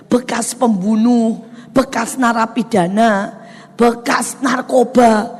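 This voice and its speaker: A woman preacher delivering a lively sermon full of stories, often turning to the listeners and mimicking the people she describes. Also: fairly high pitch. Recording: long hall reverb, faint music.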